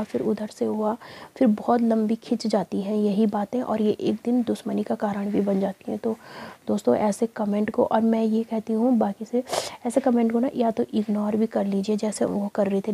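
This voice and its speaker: A woman's voice: a little high, vocal fry, dark tone, slightly rough. A woman from Uttarakhand with a Pahari accent, giving a casual, earnest lecture to camera as a vlogger, repeating her points. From Uttarakhand, India.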